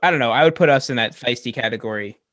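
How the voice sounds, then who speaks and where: A man's voice: medium pitch, fast, a bit bright, no room sound. Hesitant young man, dry close sound. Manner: hesitant, rambling, laughs easily. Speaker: podcast co-host. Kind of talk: casual sports chat.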